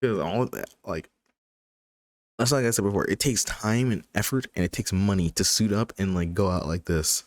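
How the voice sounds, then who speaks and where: A man's voice: fairly low pitch, normal speed, dry recording. A man giving rambling, casual reaction commentary on a video, swearing freely.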